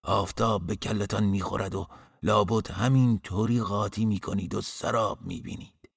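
A man voicing a loud, bullying, heavyset male innkeeper who scolds in a raised voice. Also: sits low, steady tone, creaky, slightly rough, in a large hall, heavily acted. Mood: scornful.

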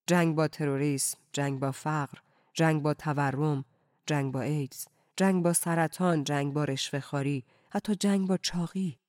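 A reader doing a soft-spoken, gentle Sufi mystic man. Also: mid-range voice, steady tone, no echo, clean studio sound, lightly acted. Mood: calm. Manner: soft-spoken, slow and reflective. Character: calm, gentle male Sufi mystic with cancer. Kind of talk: audiobook character reading.

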